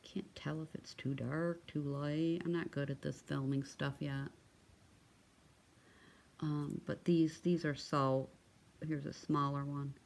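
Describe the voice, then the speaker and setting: A woman's voice: low-pitched, flat delivery, takes it slowly, creaky, darkish tone, a little hiss or hum. A woman showing off craft supplies in a casual vlog, chatty and gushing, with many ums and restarts. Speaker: crafting vlogger. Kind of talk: casual show-and-tell vlog.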